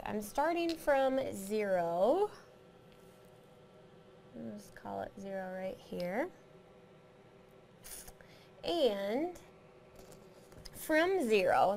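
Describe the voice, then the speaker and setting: A woman's voice: medium pitch, vocal fry, darkish tone, slight background noise. A woman teaching a recorded math lesson, explaining step by step, counting aloud and asking the class questions.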